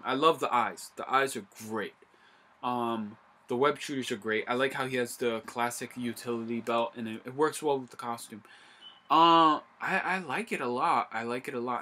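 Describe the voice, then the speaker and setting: A young man talks through a film in a loose, excited video review. His voice is bright and forceful, and he rambles, restarts his sentences and swears casually along the way. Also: medium pitch. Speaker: movie reviewer.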